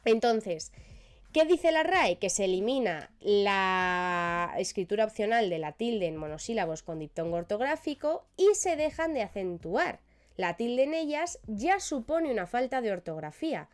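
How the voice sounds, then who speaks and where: A woman's voice: medium pitch, sing-song, unhurried. A woman with an accent from Spain, a Spanish language teacher explaining spelling rules on a live stream and often checking in with her listeners.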